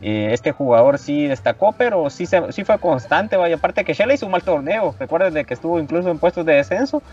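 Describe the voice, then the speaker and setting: A man's voice: a little high, expressive, brisk, a little mellow. A man co-hosting a casual sports podcast, thinking aloud and adding tags like "¿va?". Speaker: podcast co-host. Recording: distant, dull audio with faint music.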